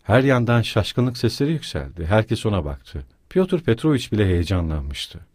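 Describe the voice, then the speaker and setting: A man narrating a novel aloud in calm, even storytelling. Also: fairly low pitch, normal speed, no echo, studio quality. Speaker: audiobook narrator. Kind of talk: scripted narration.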